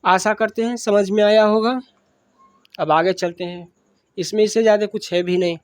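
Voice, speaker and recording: A woman's voice: medium pitch, steady tone, moderate pace, dry recording. A woman with a Bihari accent teaching a grammar lesson, asking questions and answering them herself, repeating each point.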